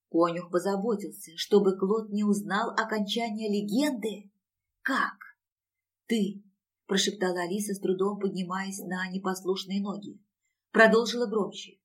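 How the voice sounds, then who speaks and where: A woman narrating an audiobook in a steady storytelling manner. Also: mid-range voice. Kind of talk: scripted narration.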